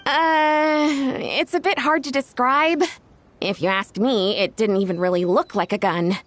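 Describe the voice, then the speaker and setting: In a video game, a woman voices an earnest young event organizer who is chatty, friendly and a little flustered. Her voice is fairly high, steady in tone and unhurried, with soft game music behind it.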